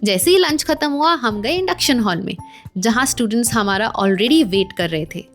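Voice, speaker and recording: A woman's voice: fairly high pitch, animated, normal speed, soft background music. An Indian woman narrating her family vlog in a proud storytelling voice, mixing Hindi and English. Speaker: vlogger.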